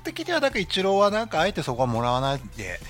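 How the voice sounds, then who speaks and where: A man's voice: on the high side, racing, soft background music. A man co-hosting a casual podcast chat with an easygoing, agreeable manner, often echoing "yes, yes". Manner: relaxed, agreeable, lots of "sou sou". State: hiccuping. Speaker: podcast co-host.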